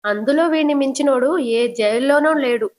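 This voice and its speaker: A woman voicing a sarcastic, quick-witted young husband in a retold TV serial, with mocking, teasing jabs. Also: high voice, natural voice.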